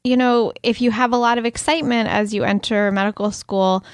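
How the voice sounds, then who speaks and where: A woman's voice: on the high side, fairly even intonation, brisk, clean tone, no room sound, studio quality. A woman in her thirties co-hosting a podcast, talking in a chatty, reflective way and laughing often. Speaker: podcast co-host. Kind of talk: casual podcast chat.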